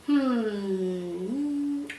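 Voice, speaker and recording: A young adult woman with a fairly high, mellow voice draws out her words, her intonation lively. She answers interview questions in a relaxed but hesitant manner, with frequent ums and likes. A distant mic captures her in a roomy space, along with a faint hiss.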